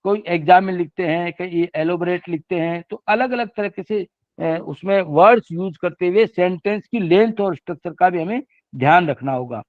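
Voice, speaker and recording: A man's voice: high-pitched, no room sound. Older man lecturing over a tinny line. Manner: mixes Hindi with slow read-out English lines. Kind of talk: academic lecture. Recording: dry, tinny phone-like sound.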